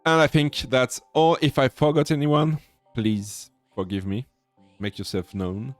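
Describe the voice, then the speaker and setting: A man from France with a French accent chats casually as a livestream host, sometimes halting as he searches for words. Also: medium pitch, steady tone, no room sound, faint music behind.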